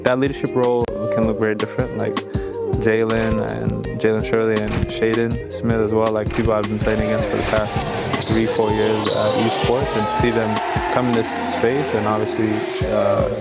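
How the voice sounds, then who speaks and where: A young man born in Rwanda and raised in Canada, a professional basketball player, talking about himself in a halting way with many fillers. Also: lowish voice. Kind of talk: sit-down interview about himself.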